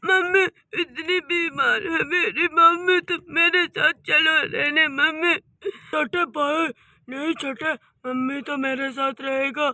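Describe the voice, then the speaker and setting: A voice actor playing two grasping grown sons in a cartoon story, wheedling and pushy. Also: female voice, high voice, steady tone, slow pace, bright, forceful tone, no echo, heavily acted. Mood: doting. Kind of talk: cartoon voice acting.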